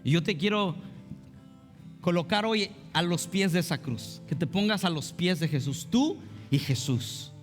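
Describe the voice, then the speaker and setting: A man's voice: sits high, animated, unhurried. A man preaching a fervent, emotive sermon as pastor at a church service. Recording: reverberant hall with soft guitar.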